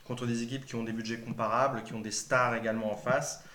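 Measured man in an echoey, noisy room. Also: medium pitch. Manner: measured, building his argument step by step. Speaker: panelist. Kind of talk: casual football debate. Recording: echoey room with steady noise.

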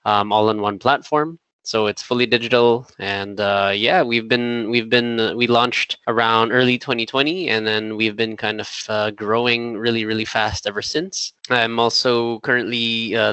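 A man's voice: lowish voice, pushed and bright, dry recording. A man from the Philippines, a guest on a podcast, talking fluently about his work and laughing off his slips. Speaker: podcast guest, startup co-founder. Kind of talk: casual interview chat.

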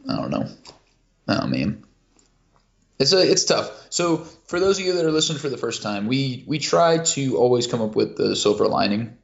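A man from Kentucky co-hosts a casual podcast, rambling with lots of restarts and fillers. His mid-range voice is gravelly and sing-song at a moderate pace, and the audio is lo-fi and muffled.

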